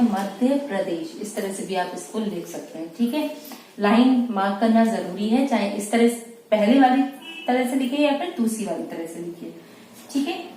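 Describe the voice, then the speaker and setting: A woman teaches shorthand at a slow, deliberate pace, drawing out each word. Her voice is soft and mellow. She sounds set back from the mic in a strongly echoing room with faint background noise. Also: fairly high pitch, far from the mic. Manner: slow and deliberate, repeating words syllable by syllable. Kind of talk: slow dictation-style lesson.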